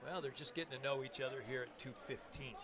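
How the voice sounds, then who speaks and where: A man giving excitable live commentary on a high school wrestling match, laughing between calls. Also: fast. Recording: loud crowd and noise behind.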